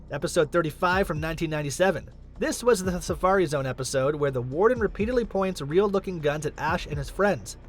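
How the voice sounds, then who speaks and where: A man narrates a scripted countdown video in a high, animated voice. He explains things emphatically as faint music plays underneath.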